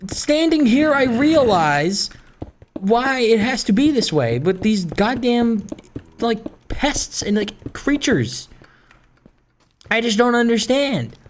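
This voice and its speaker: Speaking slowly yet very animatedly in a medium-pitched voice, a gaming video host rambles through casual Minecraft let's-play commentary, with a little hiss or hum on the audio. The tone is informal and musing, peppered with grumbles about small gripes.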